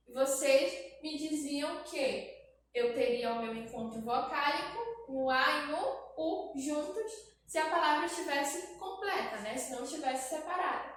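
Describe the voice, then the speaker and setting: A woman teaching a grammar lesson to young children, repeating each point and checking in with "tá?". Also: high voice. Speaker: primary school teacher. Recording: very echoey room, voice from a distance, faint noise.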